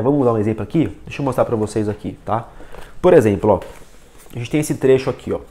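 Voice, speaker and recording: Warm and mid-range in pitch, this man coaches reading in a relaxed video, addressing the viewer directly while using a book and pen to demonstrate.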